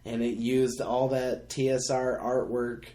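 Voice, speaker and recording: A man's voice: mid-range voice, little pitch movement, unhurried, mellow. A man in his thirties co-hosting a casual podcast, rambling with enthusiasm. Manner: rambling, enthusiastic, many fillers. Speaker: podcast co-host. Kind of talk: casual chat. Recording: roomy echo.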